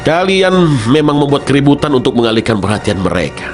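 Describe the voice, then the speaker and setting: A man's voice: medium pitch, sing-song, fast, over music, lightly acted. A man dubbing a smug, treacherous schemer in a superhero film, condescending and theatrical. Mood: scornful planning. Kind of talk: dubbed superhero film acting.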